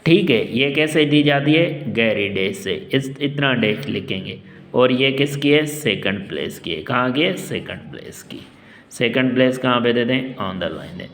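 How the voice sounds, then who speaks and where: A man with a Pakistani accent teaching a shorthand lesson, asking questions and answering them himself while spelling words out slowly. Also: mid-range voice, lively intonation, a bit bright, a little hiss or hum.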